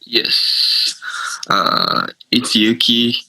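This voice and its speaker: A young man from Japan, a university student, introducing himself hesitantly with many pauses. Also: medium pitch, flat delivery, sharp tone, slight background noise, rough recording. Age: young adult. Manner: hesitant, halting.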